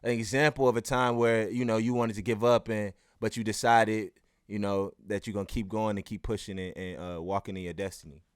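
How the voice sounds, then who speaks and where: A podcast host, a man, talks in a low, smooth voice with a close, dry sound. He is laid-back and slangy and keeps the conversation moving with easy, encouraging remarks. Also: fairly quick, dry recording. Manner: relaxed, slangy, affirming interjections. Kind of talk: casual interview conversation.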